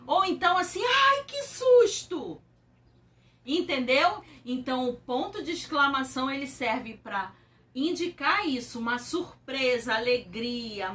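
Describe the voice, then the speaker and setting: A Brazilian woman teaching a class for young children, with a bright, high voice and an animated, exaggerated sing-song delivery. She talks slowly and carefully, as if to little pupils. Her voice sits a little back from the mic. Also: distant mic. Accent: Brazilian Portuguese. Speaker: primary school teacher.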